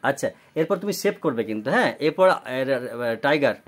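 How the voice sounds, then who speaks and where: A woman tutor giving a spelling test, repeating words slowly and quizzing her students patiently. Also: a bass voice, lively intonation. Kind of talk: home tuition spelling test. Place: tuition room.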